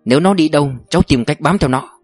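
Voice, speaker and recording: A man's voice: fairly high pitch, fast, dry recording, soft background music, natural voice. A man reading an audiobook voices an older bank executive's assistant who gives firm, calculating orders. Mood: commanding. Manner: firm, commanding.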